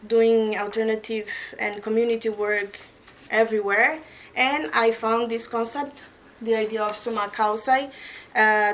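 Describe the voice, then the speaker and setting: A woman's voice: fairly high pitch, fairly bright tone. Brief: woman from Brazil, panel speaker, hesitant and filler-heavy, faint background noise in a community hall. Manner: hesitant, frequent fillers and restarts. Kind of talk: informal academic talk.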